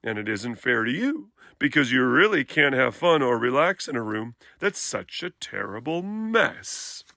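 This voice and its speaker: A man plays a storybook papa bear, firm but reasonable. His voice is bright with some creak, and he explains in a measured manner. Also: mid-range voice, big pitch swings, no room sound, studio quality, exaggerated voice.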